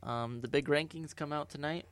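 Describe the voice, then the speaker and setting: A man with a smooth, resonant voice co-hosts a casual sports podcast. He talks through the games with wry little jokes along the way. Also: a little high, normal speed, dry recording. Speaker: podcast co-host.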